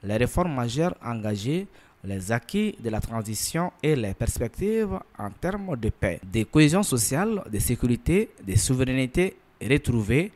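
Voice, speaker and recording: Formal male news narrator with lively intonation. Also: medium pitch, normal speed. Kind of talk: scripted news voice-over.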